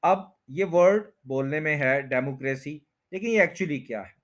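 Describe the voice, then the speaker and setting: A man with a slightly high voice gives a slow, explanatory lesson on English word stress, repeating each word and drawing out its syllables. His first language is Urdu or Hindi.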